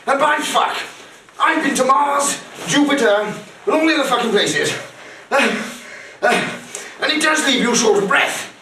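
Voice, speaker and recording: A comic performer with a very high, pushed, bright voice rambles through a crude mock-instructional comedy monologue, swearing heavily. The recording is noisy and echoey, with the mic far away in the room.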